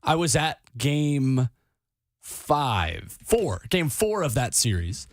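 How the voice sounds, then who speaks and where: A man's voice: mid-range voice, very animated, takes it slowly, no room sound. A man hosting a sports radio show with casual banter in a studio.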